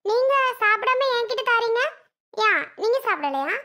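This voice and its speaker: A woman voicing a cartoon family serial in lively village speech. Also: extremely high pitch. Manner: lively colloquial village speech, quick back-and-forth. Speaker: cartoon voice artist. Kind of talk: Tamil animated family serial dialogue.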